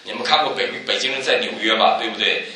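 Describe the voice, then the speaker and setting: A man giving a church testimony, telling stories with animated swings and loud exclaiming peaks. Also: fairly low pitch, fast, very echoey, far from the mic, slight background noise, rough recording. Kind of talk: sermon testimony.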